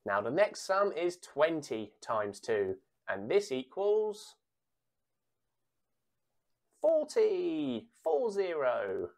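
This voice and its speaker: A woman calls bingo for a children's times tables game, reading out sums and answers very slowly and measuredly, pausing before each answer and repeating digits. Her pitch swings lively, with some vocal fry.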